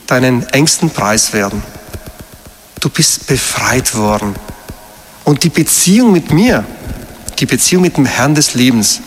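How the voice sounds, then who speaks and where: A man's voice: on the high side, in a large hall, a little hiss or hum. A man giving a sermon as a priest, emphatic and asking his listeners questions. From Meran, South Tyrol.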